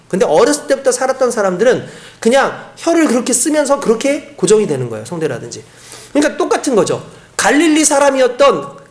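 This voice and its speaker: A man's voice: sits high, reverberant. A male pastor preaching a sermon, telling the story vividly and acting out the voices. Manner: animated storytelling with acted voices.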